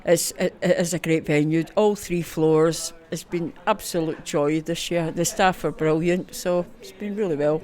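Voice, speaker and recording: A woman's voice: low-pitched, steady tone, normal speed, hardly any pauses, darkish tone. A woman with a broad Scottish accent, chatting enthusiastically as an event organiser in a casual interview, often repeating words. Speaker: festival organiser being interviewed. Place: busy festival venue at a football ground.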